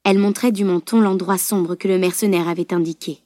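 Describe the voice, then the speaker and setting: A woman's voice: lowish voice, steady tone, a little fast, dark tone, dry recording. Woman narrating an audiobook, dry sound.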